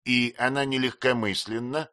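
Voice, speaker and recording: A man reading an audiobook, voicing a blunt, fond elderly great-aunt who speaks in brisk exclamations. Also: mid-range voice, steady tone, pushed and bright, no echo, clean studio sound, voice pushed up, natural voice. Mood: teasing. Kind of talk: audiobook character voice.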